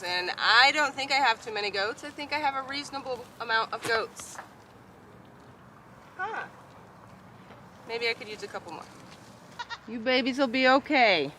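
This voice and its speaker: A woman vlogging casually as a goat farmer, chatty and affectionate when she talks to her animals. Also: high-pitched. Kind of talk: casual vlog narration. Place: outdoors in a goat pasture. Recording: outdoor noise with bleating goats. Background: goats bleating, faint outdoor ambience.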